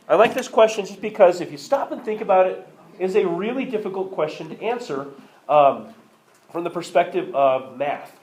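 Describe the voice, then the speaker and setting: A man teaches a math class in a classroom lecture screencast, walking students through a problem, asking questions and checking in with them. His voice is on the high side and darkish, slightly hoarse, with a cough now and then, recorded on a tablet screencast mic.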